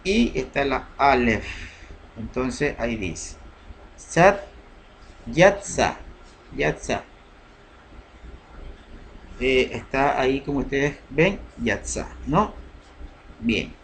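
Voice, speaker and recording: A man's voice: medium pitch, animated, drawn-out words, long pauses, slight background noise. Hesitant man teaching a Bible lesson. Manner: hesitant, many fillers, asks "¿no?" and "¿sí?" often. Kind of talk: casual religious lesson over slides.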